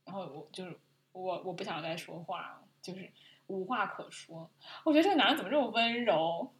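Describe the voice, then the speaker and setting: A woman's voice: fairly low pitch, fairly quick. A woman co-hosting a podcast, retelling a film scene in casual chat, with lots of laughter and restarts. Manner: animated storytelling, frequent laughter, many restarts. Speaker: podcast co-host.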